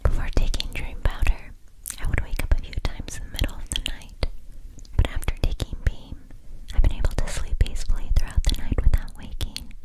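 A young woman softly whispering a scripted ASMR sponsor read in a breathy, unvoiced voice, enunciating carefully. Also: fairly quick, rough recording. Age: young adult. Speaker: ASMR creator.

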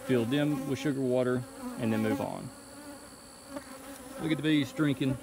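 A man's voice: medium pitch, normal speed, creaky. A man in his thirties, a beekeeper, talking through his work step by step in a casual how-to vlog. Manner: relaxed, explaining step by step. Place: outdoor bee yard. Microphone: phone camera held while working. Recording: outdoor noise with buzzing bees. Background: insects buzzing outdoors.

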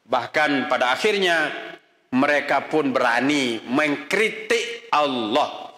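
A middle-aged Islamic preacher gives a religious lecture, emphatic and scolding and full of rhetorical questions, with echoey hall reverb around him. His medium-pitched voice is slow and sharp in tone, with lively intonation.

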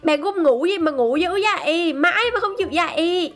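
A woman giving excited, chatty game commentary to her viewers. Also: very high voice, normal speed, faint music behind. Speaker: gaming YouTuber.

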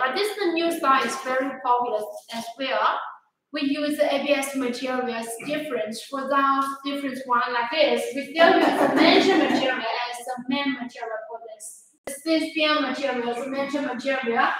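Bright-voiced young woman presenting a product. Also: sits high, normal speed. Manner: upbeat, addresses viewers by name. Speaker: sales presenter. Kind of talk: livestream product demo. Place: large echoey warehouse showroom. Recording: echoey room, faint background noise.

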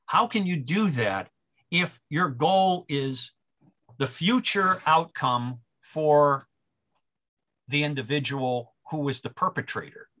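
Older male author guest, bright tone, measured explanations, throat clearing. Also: fairly high pitch, expressive. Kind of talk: conversational interview answer.

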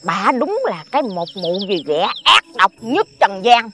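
A woman's voice: medium pitch, sing-song, unhurried, sharp tone, exaggerated voice. An actress playing a chatty, insistent village woman who sells sticky rice cakes, in a TV folk-tale drama. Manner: gossipy, exclamatory, insistent. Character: chatty busybody village cake seller woman.

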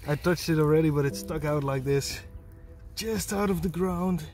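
A man giving excited casual commentary outdoors in a field as a metal detectorist, often whooping and laughing. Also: a little high, moderate pace, music in the background.

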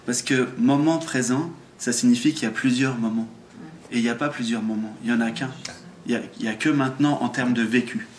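A man's voice: medium pitch, fairly even intonation, a little fast, echoey room, slight background noise. A man from France with a French accent, a spiritual teacher giving an earnest satsang talk on awakening, often restarting his words. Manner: earnest explaining with frequent stammered restarts.

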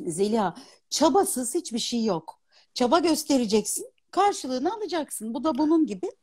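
Animated and articulate, this woman in her fifties talks with a husky, mellow tone. Her fairly high voice rises and falls in wide, lively sweeps. She speaks as a guest in a casual live chat on a phone stream. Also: moderate pace. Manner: animated, articulate, laughs easily. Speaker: guest, opera singer and dubbing artist. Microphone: phone on a live video stream.

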